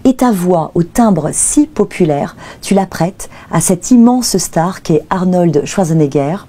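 A woman hosting a broadcast interview, reacting with quick enthusiasm. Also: fairly low pitch, lively intonation, dark tone. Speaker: interviewer and host.

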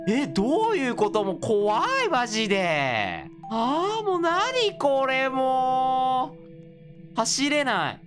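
A man casually commenting on a horror game he is playing, excitable and yelping when scared. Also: very high-pitched. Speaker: gaming video host. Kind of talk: casual let's-play commentary.

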